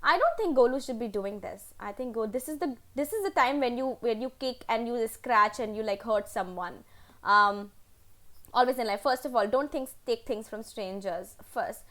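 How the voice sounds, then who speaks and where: A woman teacher from India retelling a story in an online class, chatty and animated with fillers. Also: fairly high pitch, normal speed.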